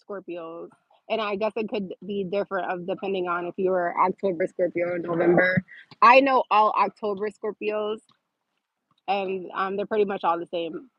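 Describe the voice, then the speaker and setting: A woman's voice: mid-range voice, dry recording, muffled recording. A woman hosting a casual livestream, reading viewer comments aloud and answering them with sarcasm and laughter.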